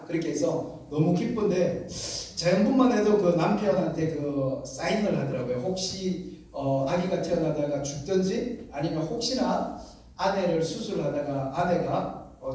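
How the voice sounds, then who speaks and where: A man from the region preaching as a missionary pastor, telling a story in an animated way and acting out shouting family members. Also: high-pitched. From Gyeongsang region, Korea. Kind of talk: storytelling sermon. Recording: echoey hall, distant mic, faint noise.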